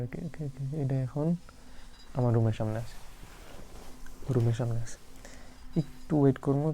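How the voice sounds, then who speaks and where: A man gives running horror game commentary from a room at night, where he plays alone. His voice is very dark and mellow, pitched around the middle. He talks in a chatty stream and often repeats short words in quick bursts. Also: poor audio. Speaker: gaming channel host.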